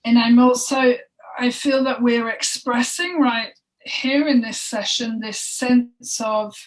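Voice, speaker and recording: A woman co-hosting a spoken energy healing session, talking in a halting, emotional way, with sighs and soft breathy asides. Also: fairly high pitch, steady tone. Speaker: healing session practitioner and co-host. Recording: voice distant from the mic.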